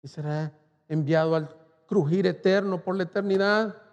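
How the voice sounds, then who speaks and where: A man's voice: high-pitched, moderate pace, long reverb tail, highs cut off. A man pastor from Mexico preaching an impassioned sermon, rising to fervent cries. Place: church.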